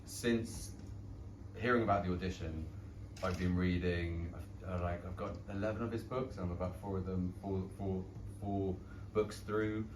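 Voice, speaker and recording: Chatting after a performance in a small pub theatre, a young London Irish actor from London and Dublin talks casually and pokes fun at himself. He speaks at normal speed in a deep voice with fairly even intonation, recorded from a distance in an echoey room with background noise.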